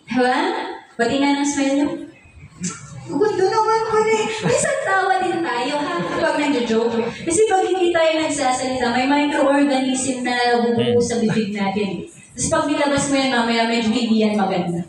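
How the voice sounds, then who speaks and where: A woman's voice: sits high, animated, normal speed, a crowd in the background. A woman mentor giving a seminar training talk, playful and teasing, acting out examples for the audience. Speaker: business mentor. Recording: echoey hall, mic from far off.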